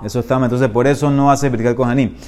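A man teaching a Talmud class, reading Aramaic passages and explaining them in Spanish. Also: quick pace. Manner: animated, rises in pitch when stressing points.

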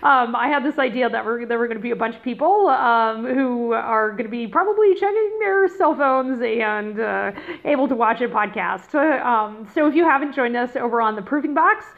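A woman's voice: a little high, expressive, normal speed, gravelly. A woman hosting a casual educational podcast in a chatty, informal way, addressing listeners directly, recorded through headphones used as a mic. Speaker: podcast host. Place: room in a rental house. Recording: thin phone-like sound from headphone mic.

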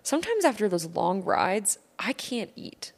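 Female podcast co-host, informal and rambling, with vocal fry and a hall-like echo. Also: medium pitch, sing-song, a little slow. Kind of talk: casual chat.

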